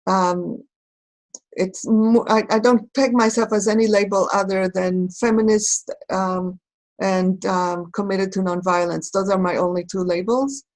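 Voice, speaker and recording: A woman from Israel speaking reflectively in a recorded conversation, pausing and searching for her words. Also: mid-range voice, fairly even intonation, darkish tone, poor audio. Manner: thoughtful, halting, searching for words. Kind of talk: reflective talk.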